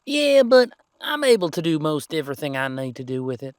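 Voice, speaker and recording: A man voicing a chatty, folksy, excitable underground computer technician in an audio role-play, rambling along in an animated way. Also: on the high side, a little fast, clean tone, no echo, clean studio sound. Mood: chatty, eager.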